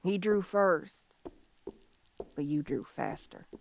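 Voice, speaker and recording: A woman playing a young, tough but tender tomboy bounty hunter of the Old West in an audio role-play, speaking in a folksy, halting, heartfelt way. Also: on the low side, animated, vocal fry, heavily acted. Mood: wistful, tender. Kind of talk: scripted audio role-play monologue, intimate and slow.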